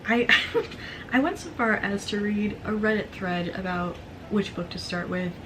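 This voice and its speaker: A woman with vocal fry and a slightly strained throat, chatting casually and excitedly as she presents a book haul. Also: medium pitch, unhurried, background noise. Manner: excitable, gushing asides.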